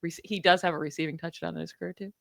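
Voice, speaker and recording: A woman with a New York accent co-hosting a sports podcast, chatting casually and confidently, dropping stats with quick asides. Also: lowish voice, fairly even intonation, gravelly, a bit bright, no room sound. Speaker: podcast co-host.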